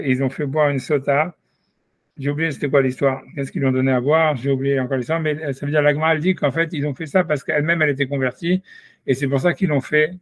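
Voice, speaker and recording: A man teaching an informal Talmud lesson, thinking aloud in a halting way with many restarts. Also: medium pitch, fairly bright tone, dry recording. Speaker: Torah study teacher.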